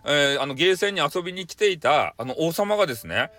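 A man's voice: a little high, animated, fast talker, fairly bright tone. A man with a Hakata accent casually retelling a folk tale for bedtime, playful and rambling. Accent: Hakata dialect. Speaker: storyteller.

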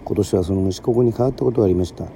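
A man from Yoron Island, a musician and podcast host, reading a children's story aloud in a steady storytelling manner. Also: lowish voice, very fast, slight background noise. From Yoron Island, Japan. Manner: steady storytelling with casual asides.

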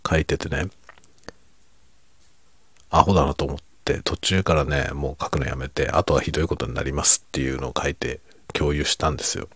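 A middle-aged man in a quiet, rambling, self-deprecating late-night monologue meant for falling asleep, in a hushed voice that often drops toward a whisper. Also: rumbling low, husky, dry recording. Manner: self-deprecating, rambling, chuckling under his breath. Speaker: fiction writer chatting to listeners.

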